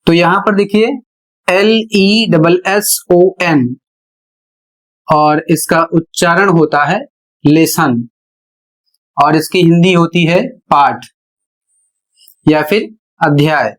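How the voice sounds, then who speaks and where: A man teaching a spelling and pronunciation lesson, spelling words out letter by letter in a slow, deliberate way. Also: a little high. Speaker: English teacher.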